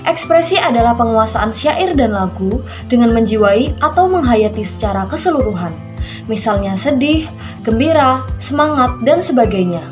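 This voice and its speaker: A woman narrator reads scripted definitions at an even, steady pace. Her voice is fairly high. A clear music bed runs under her. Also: normal speed. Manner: even, read-out explanations.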